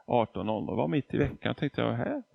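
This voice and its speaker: A man's voice: mid-range voice, lively intonation, gravelly, slightly rough, no room sound, narrow, tinny audio. A man from Argentina preaching a testimony sermon, telling his story with emphasis and acting out quotes.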